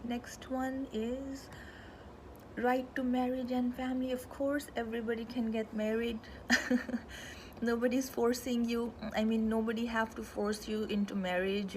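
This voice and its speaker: Gravelly-voiced woman talking through a list. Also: on the high side, level tone, moderate pace, a little mellow, a little hiss or hum, poor audio. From Pakistan, raised in Canada. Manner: conversational, walks through items one by one. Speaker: speaker on human rights. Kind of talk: informal explanatory talk.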